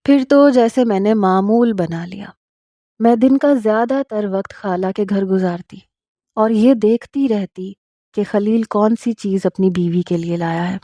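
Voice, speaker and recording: A woman narrating a first-person story in a steady, confiding way. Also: mid-range voice, dry recording, clean studio sound.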